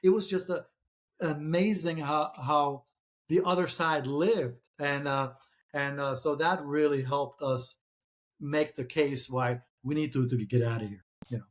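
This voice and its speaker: Here a Czech-born man, middle-aged and raised in Czechoslovakia, talks as an author guest in a relaxed interview. He speaks at a measured pace in a fairly high voice, stumbling through frequent restarts and filler words.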